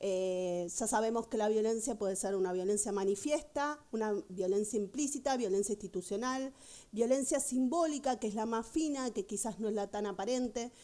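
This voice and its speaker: Woman, interviewer, fairly high voice, measured academic questions. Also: mellow.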